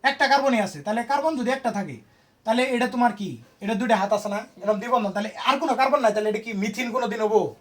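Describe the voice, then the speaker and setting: A male tutor runs an informal lesson for students, firing off one question after another. His voice sits high and his pace is quick. He talks to the students in a small room. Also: fairly bright tone. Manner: quizzing students with constant questions. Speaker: private tutor.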